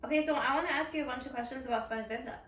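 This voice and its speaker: A woman's voice: high-pitched, very fast, a bit bright, echoey room, far from the mic, slight background noise. A woman co-hosting a casual chat, playful and asking questions. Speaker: co-host.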